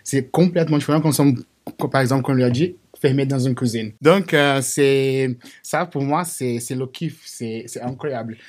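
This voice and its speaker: A man's voice: medium pitch, normal speed, a little mellow. A man from Brazil with a Brazilian accent, a pizza chef speaking in a studio interview, hesitant and searching for words.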